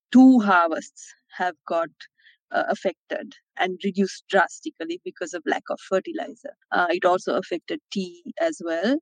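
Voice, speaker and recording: A woman's voice: lowish voice, vocal fry, no room sound, rough recording. A woman from Sri Lanka speaking as an interview guest, explaining her points thoughtfully and often checking in with "right?". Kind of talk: conversational interview.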